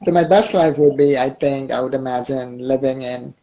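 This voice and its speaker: A man's voice: mid-range voice, moderate pace, warm tone, dull audio. A man from Burma in a casual chat, speaking hesitantly and thoughtfully with many fillers. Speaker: guest.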